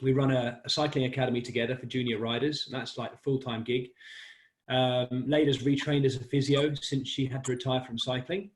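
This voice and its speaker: In a brisk, level, medium-pitched voice, a cycling commentator from West London, England, chats as an interview guest about his life in sport. The man, in his forties, is self-deprecating and talkative, with laughter coming easily.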